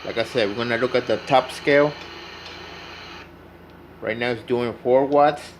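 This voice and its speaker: Demonstrating radio repair, a man narrates a casual hands-on tutorial with a steady, mid-range voice at a moderate pace. The audio is poor with slight background noise, and he keeps things plain and instructive, repeating instructions along the way.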